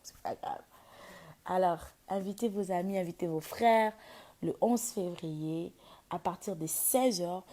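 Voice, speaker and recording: A woman in giving an informal devotional exhortation as a worship leader, speaking haltingly and slipping into English at times, with a husky, breathy voice. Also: low voice, dark tone. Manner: hesitant French, slipping into English mid-talk. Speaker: worship leader inviting people to a praise event.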